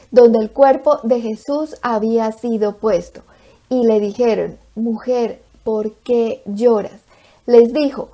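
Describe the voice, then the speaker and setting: Slow, mellow-voiced woman teaching Scripture. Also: a little high. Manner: storytelling, reads scripture aloud then retells it with asides and light laughs. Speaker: devotional Bible teacher. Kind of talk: devotional Bible teaching.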